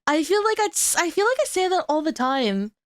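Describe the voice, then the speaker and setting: Her pitch is extremely high and sing-song, and she talks a little fast as a young VTuber streamer hosting a guest. The chat is casual and rambling, full of self-directed laughter, stuttering, repeats, and restarts. The sound is clean studio audio without echo.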